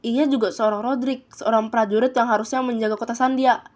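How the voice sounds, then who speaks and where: A teenage girl, a student, narrating a short story in a steady, plain reading voice. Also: on the high side, quick pace. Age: teens. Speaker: student reader.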